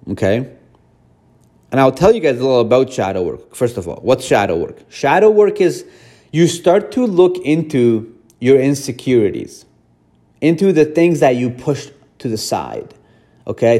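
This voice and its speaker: Earnest podcast host with a mellow voice. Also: male voice, mid-range voice. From Afghanistan. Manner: earnest, repetitive, addresses listeners directly. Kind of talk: reflective self-help monologue.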